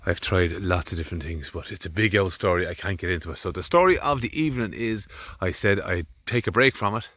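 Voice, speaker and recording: Deep husky-voiced Irish farmer. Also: male voice, fairly quick, hardly any pauses, a bit bright, dry recording. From Ireland. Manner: rambling, chatty, grumbling. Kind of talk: casual vlog narration. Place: outdoors on a farm field, in the rain.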